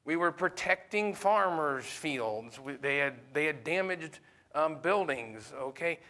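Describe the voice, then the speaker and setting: A man's voice: on the high side, animated, a little slow, bright, forceful tone. A man, a pastor, teaching a Sunday school class in a conversational way and often putting questions to the class. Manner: conversational, with fillers.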